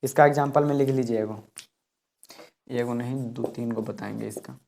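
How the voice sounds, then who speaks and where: A man's voice: medium pitch, steady tone, normal speed, gravelly, background noise. A man teaching a physics class at a board, explaining step by step and repeating key words, his voice drifting off-mic while he writes.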